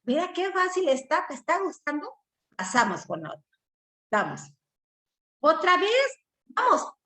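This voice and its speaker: A woman teaching letter sounds to a young child at home, coaxing and repeating each syllable slowly for the child to copy. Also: very high voice, huge pitch swings, pushed and bright. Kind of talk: early reading lesson for children.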